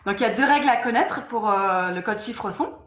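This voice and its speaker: A woman's voice: a little high, a little fast, a bit bright. A woman teaching an online group lesson over a video call, patiently quizzing her students and often repeating or restarting her phrases. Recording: roomy, dull lo-fi call audio.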